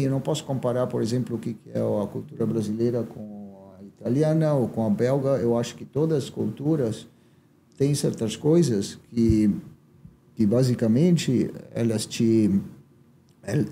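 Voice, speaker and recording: This entrepreneur from Uruguay, whose accent carries a southern Brazilian lilt, shares his story as a guest in a relaxed chat, using many tag questions. His mid-range voice sounds gravelly and dark, with slight noise in the background.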